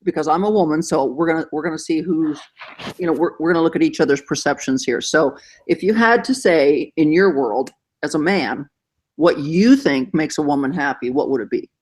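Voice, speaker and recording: A woman's voice: sits low, a little fast, a little mellow, husky. Woman host, chatty and teasing, always giggling, easygoing talk show vibe. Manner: laughs often, playful and teasing. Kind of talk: casual chat.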